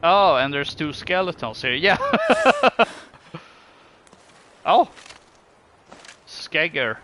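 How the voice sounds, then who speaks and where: A man's voice: on the high side, lively intonation, slow pace, bright, forceful tone, a little hiss or hum. A man giving casual let's play commentary, musing and thinking aloud in a hesitant way. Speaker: gaming video host. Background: game music.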